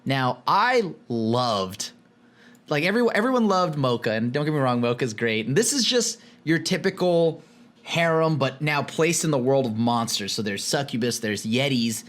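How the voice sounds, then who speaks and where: A man from California co-hosting a podcast in casual chat, animated and laughing often, with many restarts. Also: medium pitch, moderate pace. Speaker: podcast co-host.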